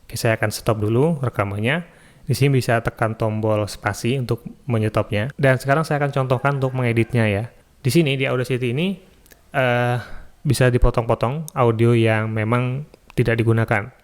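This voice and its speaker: A man hosting a screen-recorded software tutorial, explaining each step calmly and adding "ya" and "eh" often, recorded on a studio microphone. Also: medium pitch, a little fast. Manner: relaxed step-by-step explaining with frequent "ya" and "eh". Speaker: YouTube tutorial host. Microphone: studio mic through an audio interface.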